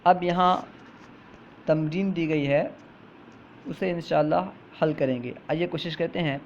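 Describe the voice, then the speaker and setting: A man with a fairly high voice gives a grammar lesson. He reads each example slowly and repeats it before he explains it. The recording sounds dull and lo-fi, with a faint hiss underneath. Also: steady tone. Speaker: teacher.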